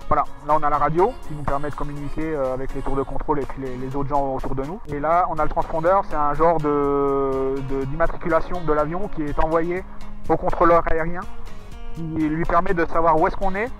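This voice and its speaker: A man's voice: fairly high pitch, steady tone, a little fast, fairly bright tone, soft background music. A man heard over a pilot headset in a light aircraft, casually commenting on his flight as a pilot and vlogger. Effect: pilot headset intercom sound. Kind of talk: casual flight vlog commentary and radio calls. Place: small light aircraft cockpit. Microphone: aviation headset.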